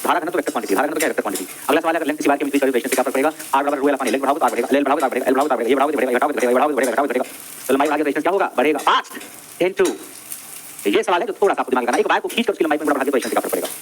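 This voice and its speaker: Rapid-fire male teacher drilling definitions. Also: medium pitch, a little hiss or hum. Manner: repeats each definition several times and quizzes the class; brisk, drilling, addresses students directly. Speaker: electrical trade teacher. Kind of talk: classroom exam-prep lecture.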